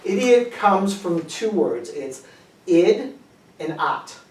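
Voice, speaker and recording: Man playing a pompous fake professor, deadpan, self-assured, echoey room, distant mic. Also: high voice, takes it slowly, a little hiss or hum, heavily acted. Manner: deadpan, confidently matter-of-fact. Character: pompous male professor spouting bogus word origins. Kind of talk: comedy sketch banter.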